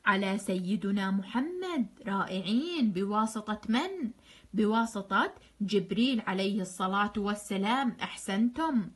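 A woman's voice: medium pitch, expressive, moderate pace. A woman teacher with a Jordanian accent reviews grammar for first graders, praising them often and stretching out example words. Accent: Jordanian Arabic. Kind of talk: recorded online grammar review lesson.

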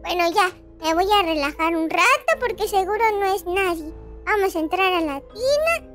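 A woman with a very high, bright voice narrates a playful game role-play for young viewers. She swings into squealing, over-the-top exclamations, and cheerful children's music plays clearly behind her. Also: expressive, moderate pace. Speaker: gaming YouTuber. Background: cheerful children's background music.

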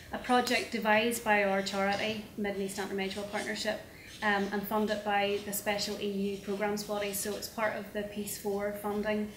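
A woman's voice: medium pitch, a bit bright. A woman from Northern Ireland with a Northern Irish accent, introducing her charity work on a panel in a matter-of-fact way. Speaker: charity project officer on a panel. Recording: echoey hall with audible noise.

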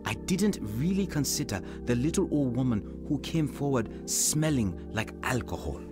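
A lightly acted radio drama performance: a man plays a tired yet earnest preacher, narrating his own life reflectively in first person. He has a mid-range voice with lively intonation at a moderate pace, and music plays underneath.

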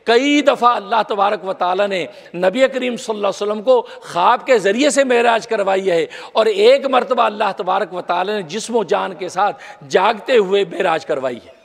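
A man, a mufti, preaching an expressive sermon. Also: high-pitched, normal speed, vocal fry, few pauses. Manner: expressive, mimics skeptics' voices when quoting them. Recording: long hall reverb.

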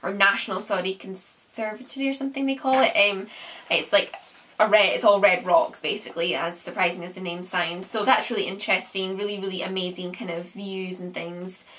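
A chatty young woman from the UK talks through her travels with a bright, forward voice, sprinkling in "um" and "like". She is recorded on a camera set a little way off in her small bedroom, so her voice sounds slightly distant. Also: medium pitch, fairly even intonation, fairly quick. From United Kingdom. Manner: chatty, with frequent "um" and "like". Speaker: travel vlogger. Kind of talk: casual travel recap to camera.

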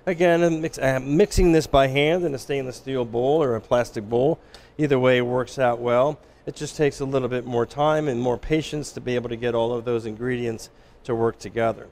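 A man working as a chef instructor, giving a relaxed, explanatory cooking demonstration in an instructional kitchen. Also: medium pitch. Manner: relaxed, explanatory, with frequent restarts.

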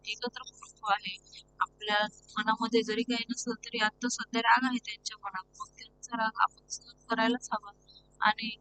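Woman speaking as a gentle patient young wife. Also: on the high side, normal speed, over music, close to an everyday voice, low-quality recording. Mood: placating. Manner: soft, self-talk, pleading. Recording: steady background hum.

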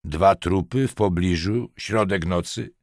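Brief: stern sardonic cop, curt and mocking, low dry voice, a narrator puts him on. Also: male voice, unhurried, dry recording. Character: stern sardonic male police lieutenant.

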